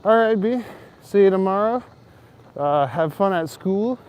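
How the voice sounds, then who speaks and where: Strolling outdoors through a wintry city square, this streamer chats with his viewers in an Ontario Canadian accent, rambling, cracking jokes and chuckling a lot. He sits high in pitch and sounds animated, speaking a little slowly with a darkish tone. The recording is clean.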